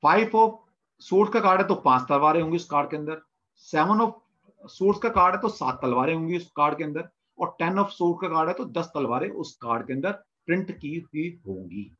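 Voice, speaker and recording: A man's voice: on the high side, fairly bright tone, muffled recording. A man teaching tarot in an online class, asking his students questions and answering them himself while repeating the terms. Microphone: video call mic.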